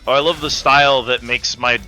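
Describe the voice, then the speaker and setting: A man commentates casually on a video game he is playing, with a very bright, forceful edge to his voice. He talks in slangy, profane, joking bursts. Faint game music runs behind him. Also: mid-range voice, steady tone, a little fast, rough recording. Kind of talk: casual let's-play commentary.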